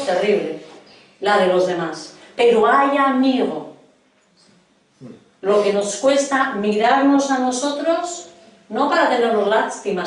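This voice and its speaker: A woman's voice: on the high side, far from the mic, slight background noise. A middle-aged woman from preaching a sermon in a church hall, earnestly questioning her congregation. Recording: echoey hall, voice from afar.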